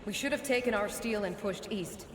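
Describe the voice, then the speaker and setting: A woman's voice: mid-range voice, moderate pace, close to an everyday voice. An actress playing a bitter, warlike female ghost in a video game, speaking in a hard, solemn, resolute way. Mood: grim, bitter. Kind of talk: dramatic video game acting. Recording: echoing hall reverb, clear background noise.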